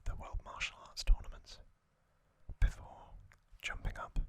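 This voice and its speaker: A man hosting an ASMR video narrates in a soft, breathy whisper close to the microphone. His manner is gentle and reflective, with pauses.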